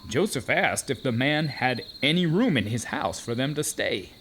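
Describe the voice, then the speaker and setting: Man voicing a donkey narrator, mid-pitched, swooping intonation, weary and aggrieved, children's audio drama, noisy bed of animals and crickets. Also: animated, a bit bright, lightly acted. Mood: weary storytelling. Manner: deliberate storytelling with dramatic pauses. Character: Eli, a weary, aggrieved male donkey telling his journey.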